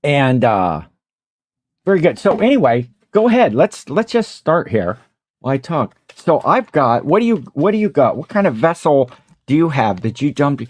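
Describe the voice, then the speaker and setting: A man's voice: a little high, sing-song, moderate pace, no echo. A man with a Midwestern American accent hosting a casual livestream, rambling while he eats and greets viewers in the chat. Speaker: host of a reseller livestream.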